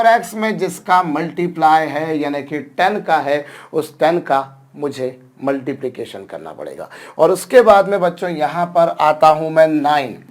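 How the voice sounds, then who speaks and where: A man teaching a lecture, who keeps asking his students questions and then answering them himself. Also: on the high side. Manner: addresses students repeatedly, asks and answers his own questions. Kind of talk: classroom lecture.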